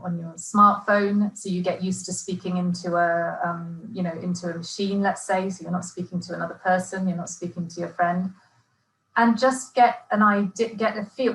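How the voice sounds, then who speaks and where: A woman presenting an exam-preparation webinar as a teacher trainer, chatty and encouraging, often pausing with fillers and restarting her sentences. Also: fairly low pitch. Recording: echoey room.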